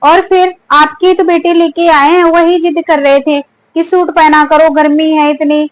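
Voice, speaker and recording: A woman's voice: high-pitched, level tone, a little slow, dry recording. A woman playing an outspoken young daughter-in-law who argues back politely but firmly, pleading her case in a family skit. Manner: argumentative, pleading, repeatedly addressing her.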